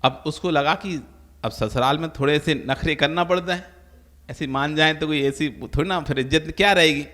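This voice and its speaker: Male monk preacher, bright forceful tone, storytelling sermon, echoing hall. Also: a little high, normal speed. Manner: storytelling with acted-out quoted voices. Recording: long hall reverb.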